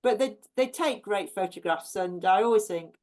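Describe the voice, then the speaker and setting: Her voice is medium-pitched and her speed normal as this chatty, warm gardener from England talks casually about her plants. She's a professional gardener appearing as a guest, and her speech is full of ums and restarts.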